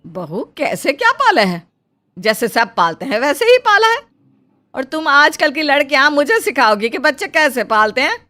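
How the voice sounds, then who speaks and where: A woman's voice: sits high, sing-song, normal speed, pitched above the performer's own voice, heavily acted. Woman doing a bossy, scolding mother-in-law. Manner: loud, scolding, dismissive. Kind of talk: cartoon storybook voice acting.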